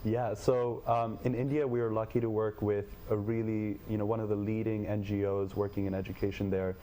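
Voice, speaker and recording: A young man from Nepal, answering interview questions in a measured, thoughtful way with frequent fillers. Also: fairly low pitch, flat delivery, mellow, slight background noise. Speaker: guest, education tech company head.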